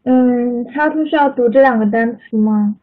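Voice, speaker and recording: Over a tinny video-call connection, a woman with a fairly high voice runs an online English pronunciation class at an ordinary pace. She addresses students by name and corrects them with patience.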